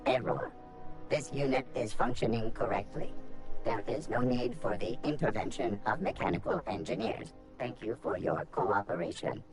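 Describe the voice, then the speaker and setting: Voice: mid-range voice, normal speed, long pauses, soft background music. A performer voicing a malfunctioning ship computer that glitches and repeats error messages in a robotic tone. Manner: flat, stuttering machine announcements. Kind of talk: video game dialogue.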